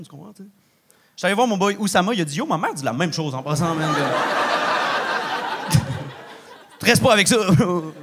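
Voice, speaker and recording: A young man with a Québécois French accent performing a stand-up comedy set, talking in a slangy, animated way peppered with swears. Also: sits high, slightly rough. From Quebec. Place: large theatre stage with live audience.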